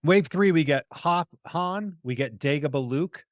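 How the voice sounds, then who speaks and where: A man with a Boston accent chatting casually and explaining in a halting, informal way. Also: a little high, dry recording, studio quality. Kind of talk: casual chat about collectible toys.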